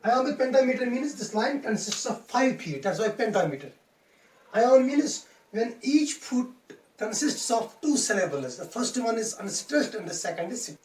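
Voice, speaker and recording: A woman's voice: on the high side, very animated, normal speed, darkish tone. A woman teaching English poetry in a methodical lecture, restating each point in simple words. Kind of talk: explanatory classroom lecture. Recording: roomy sound from a distance.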